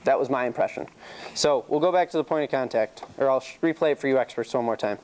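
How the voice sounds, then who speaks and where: A man's voice: medium pitch, quick pace, darkish tone, slight background noise. A young man giving a casual classroom chalk-talk on sailing rules, telling stories from his own races and laughing easily. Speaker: sailing team presenter.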